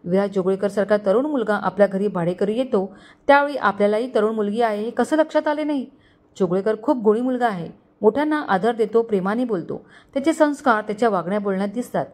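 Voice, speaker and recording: A woman narrating a romantic story in an expressive, lyrical way. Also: medium pitch, quick pace.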